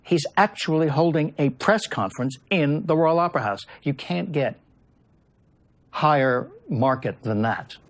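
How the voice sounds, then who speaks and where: A man's voice: a little high, expressive, measured pace. A man interviewed as a broadcaster, speaking emphatically with some restarts. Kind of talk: interview commentary.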